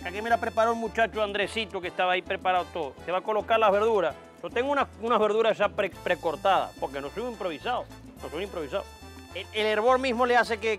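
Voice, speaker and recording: A man's voice: sits high, a bit bright. A man playing a boastful, tipsy TV cook with a Venezuelan accent who swears constantly and brags about his garden. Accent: Venezuelan Spanish. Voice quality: swaggering, swears constantly, rowdy exclamations. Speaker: comic cooking-show character. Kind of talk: sketch comedy acting.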